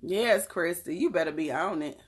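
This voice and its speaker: Pitched fairly low and paced moderately, the woman speaking has a Southern accent and comes from Charlotte, North Carolina. As a livestream host and tarot reader, she responds to chat messages and gives blunt, emphatic pep talks on a relaxed stream.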